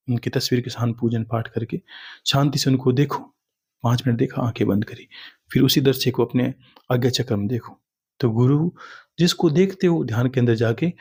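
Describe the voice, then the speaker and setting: A man, a spiritual teacher, giving a calm spiritual discourse that tells stories and answers followers' questions. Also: medium pitch, slightly rough, no echo, clean studio sound.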